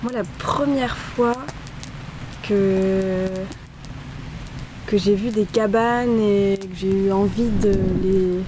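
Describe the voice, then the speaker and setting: A woman answering interview questions in a relaxed chat, speaking haltingly with many fillers and restarts. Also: mid-range voice. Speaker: interview guest. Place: inside a tipi by a fire in the rain. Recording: steady rain noise in background.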